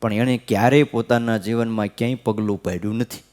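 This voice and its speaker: A man's voice: fairly low pitch, fairly even intonation, fast, darkish tone. A man, a swami giving a devotional scripture discourse, talking conversationally, checking in with his listeners and chanting verses. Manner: conversational preaching, frequent "hm?" checks, sing-song verse chanting. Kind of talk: devotional katha sermon. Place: gurukul temple hall.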